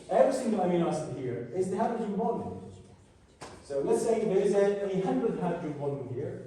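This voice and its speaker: A man giving a biochemistry lecture to a class, talking in halting bursts that often repeat and restart phrases. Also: high-pitched, mellow. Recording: echoey room from far off, faint hiss.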